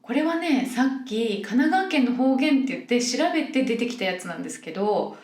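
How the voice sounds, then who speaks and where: A woman's voice: a little high, lively intonation, moderate pace, darkish tone. A young woman from Yokohama hosts a podcast for Japanese learners, explaining things in a friendly way and acting out example phrases. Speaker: podcast host teaching Japanese. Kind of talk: casual podcast monologue. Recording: roomy echo.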